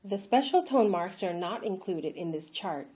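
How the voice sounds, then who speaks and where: A woman's voice: on the low side, animated, moderate pace, dark tone. Woman reading a lesson summary. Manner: clear, enumerating summary delivery. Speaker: language instructor. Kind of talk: scripted narration.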